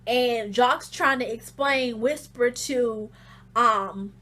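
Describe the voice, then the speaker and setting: A woman with a high, light voice giving a chatty reality TV recap. She tells it as an animated story and acts out the scenes, with loose slangy talk and plenty of fillers. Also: slow pace. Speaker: reality TV reviewer. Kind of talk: casual recap and commentary.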